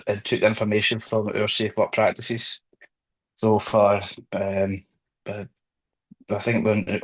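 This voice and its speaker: A man with a Glaswegian accent, talking through his workplace training and risk assessment work in an interview, hesitant with many pauses and restarts. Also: mid-range voice, rough recording. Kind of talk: conversational professional discussion.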